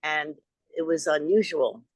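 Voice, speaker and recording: A woman's voice: low voice, measured pace, breathy edge, no room sound. An older woman from Long Island, a guest and author recounting personal experiences in an earnest, rambling way over a video call. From Long Island, New York. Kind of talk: storytelling in an interview.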